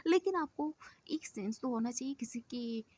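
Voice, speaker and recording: A quick-tempered young woman yells in indignant protest, her voice pitched a little high. A woman reads her lines as the storyteller. Her temper runs hot and loud. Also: lively intonation. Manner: shouting, indignant.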